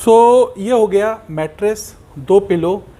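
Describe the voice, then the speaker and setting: An Indian man presenting an offer as a company representative in a conversational, emphatic sales pitch, repeating his key points. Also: slow, dark tone. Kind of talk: sales pitch in conversation, mixing Hindi and English.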